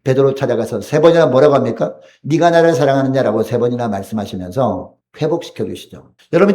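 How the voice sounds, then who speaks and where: A young male preacher delivers a sermon and then a closing prayer. He speaks to the congregation directly, posing question after question. His voice is mellow and dark in tone. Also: mid-range voice. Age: young adult. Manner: addresses the congregation with many rhetorical questions.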